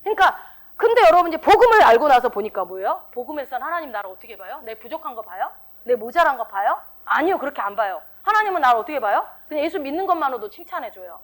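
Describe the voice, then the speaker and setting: Animated, high-voiced woman pastor preaching. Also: fast. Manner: conversational preaching with frequent rhetorical questions to the congregation. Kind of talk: sermon.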